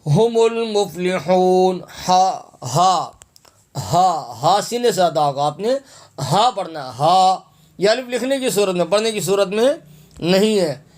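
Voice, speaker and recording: A man teaching Quran recitation. He spells out letters and vowels, asks and answers his own questions, and slowly draws out syllables to show each sound. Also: high voice, lively intonation. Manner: stretches syllables long when demonstrating. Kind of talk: tajweed lesson with slow drawn-out recitation.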